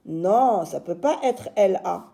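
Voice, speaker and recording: A woman teacher giving a slow, patient reading lesson to young children, sounding out each syllable. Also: fairly low pitch, animated, vocal fry, warm tone.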